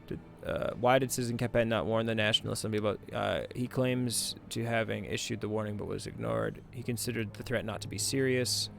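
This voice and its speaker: A man's voice: lowish voice, steady tone, fairly quick, creaky, hardly any pauses, fairly bright tone. A man hosting a gaming video, reading game text aloud and muttering casual commentary to himself. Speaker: gaming host. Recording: game music behind the voice. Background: game music.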